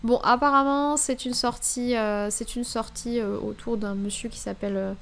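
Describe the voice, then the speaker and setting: A woman's voice: a little high, steady tone, moderate pace, gravelly, fairly bright tone. A young woman streaming live, chatting casually and thinking aloud while she browses the week's releases.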